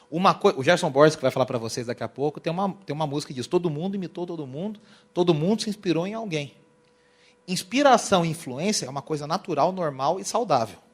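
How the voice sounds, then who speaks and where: Young man from Brazil, church worship lecture, bright high voice, acts out anecdotes. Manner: animated, storytelling, acts out quotes. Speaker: worship teacher. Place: church hall.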